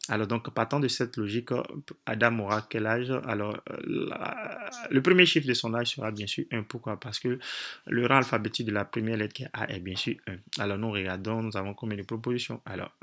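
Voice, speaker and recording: A man's voice: fairly low pitch, fairly even intonation, fairly quick, a bit bright. A man coaching students through logic exercises step by step, methodical, thinking aloud with frequent hesitations. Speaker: coach teaching logic tests.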